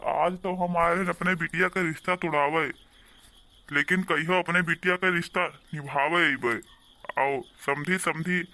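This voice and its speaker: A man voicing a kindly middle-aged father and father-in-law in a cartoon, speaking with an Awadhi accent in a gentle, coaxing way. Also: a little high. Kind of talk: cartoon voice acting.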